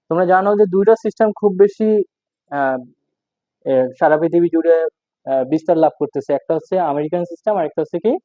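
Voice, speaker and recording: High-voiced man teaching English, tinny. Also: no echo. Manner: repeats and quizzes the listener, slow spelled-out English examples. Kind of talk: casual spoken lesson. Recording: tinny narrow dry sound.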